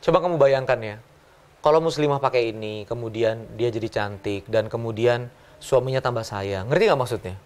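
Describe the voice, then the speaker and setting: A middle-aged man giving a motivational business seminar, playful, acting out little scenes and jumping up and down in pitch. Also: fairly quick, darkish tone. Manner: playful, acts out little scenes with jumps in pitch, laughs often. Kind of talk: animated motivational seminar talk.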